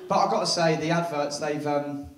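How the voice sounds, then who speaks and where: An English stand-up comedian delivers a bawdy set with punchy timing and a quick "right?" after each beat. His voice sits high for a man. The sound carries the echo of a theatre, with the mic picking him up from a little distance. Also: steady tone, a loud crowd. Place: theatre stage before a laughing audience.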